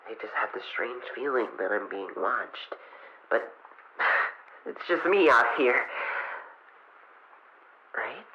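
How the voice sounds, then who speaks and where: A man's voice: medium pitch, animated, slow pace, long pauses. A man playing Tails as a young fox adventurer, recording a hesitant, vulnerable expedition log in an audio drama. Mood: uneasy, lonely. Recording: dull lo-fi recording with noise, clicks.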